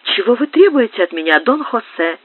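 A woman's voice: on the high side, sing-song, a little fast, no room sound, pitched above the performer's own voice. A woman voicing a proud, anguished young countess. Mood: fearful. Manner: impassioned, pleading. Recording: tinny narrow-band dry digitized tape.

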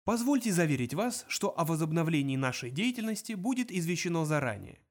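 A man's voice: a little high, big pitch swings, fairly quick. A silky, courteous recorded announcer, as a male reader puts him on, each polite phrase edged with cold menace. A storybook voice of charming threat. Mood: icy.

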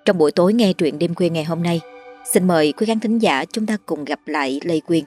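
Woman storyteller host, fairly low voice, measured late-night ghost story narration, faint music. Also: darkish tone. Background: faint background music.

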